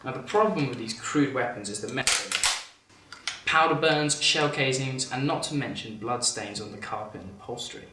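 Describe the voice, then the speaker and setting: A man's voice: mid-range voice, normal speed, natural voice. A man playing a confident professor giving an emphatic, matter-of-fact infomercial sales demonstration. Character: confident male professor pitching absurd home weapons. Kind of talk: parody infomercial sales pitch. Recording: echoey room, distant mic, faint noise.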